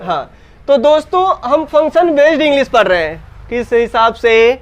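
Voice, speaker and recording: A man's voice: very high voice, lively intonation, normal speed. A man from India teaching an English grammar class in Hindi, asking his students questions, answering them himself and repeating his points.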